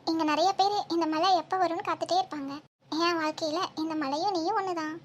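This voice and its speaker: A woman's voice: very high voice, quick pace. A woman voicing a cheerful, stubborn young woman in love in a cartoon, speaking playfully. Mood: tender. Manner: playful, teasing. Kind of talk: cartoon voice acting.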